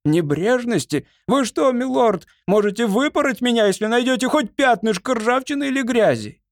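A man's voice: animated, normal speed, no room sound, studio quality. A man voicing a fussy, anxious male servant who tends a great gun, in an audiobook. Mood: defensive. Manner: shrill, pleading, defensive.

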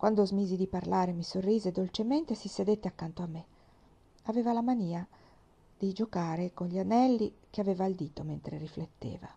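A woman reading a historical novel aloud in the first person, expressive and dramatic, sometimes rising to loud outbursts. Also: medium pitch, normal speed, creaky, slightly rough, highs cut off. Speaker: reader.

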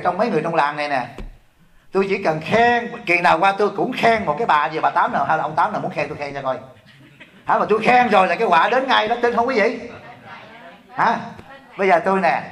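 A middle-aged man from Vietnam, an abbot giving a sermon in a lively, joking way, often asking his listeners questions. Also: high voice. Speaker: abbot giving a dharma talk. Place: temple hall.

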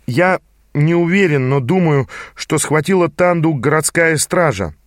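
A man's voice: on the high side, expressive, measured pace, no room sound, studio quality. A man reading an audiobook and voicing a nervous young male apprentice magician who stammers and makes excuses. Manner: hesitant, stammering, defensive. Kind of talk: audiobook character voice.

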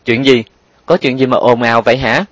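A man reading an audiobook and voicing a poor, gentle old mother in a wheelchair, kindly and gently scolding. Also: mid-range voice, steady tone, a little fast, no echo, close to an everyday voice. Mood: puzzled. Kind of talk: audiobook character voice.

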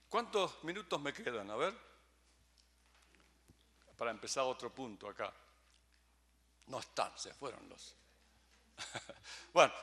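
An older man with a Rioplatense Spanish accent, preaching a discipleship sermon as a lively storyteller who swings from shouts to hushed tones. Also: mid-range voice, big-room sound. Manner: animated, acts out shouts and quoted voices, drops to hushed tones. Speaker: preacher teaching a discipleship class.

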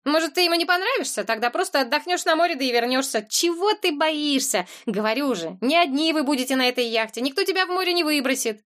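A woman reading the part of a pushy, sarcastic woman friend who talks in a rapid-fire rush. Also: sits high, animated, a bit bright, voice pushed up. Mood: insistent. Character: brash, pushy woman friend, quick talker.

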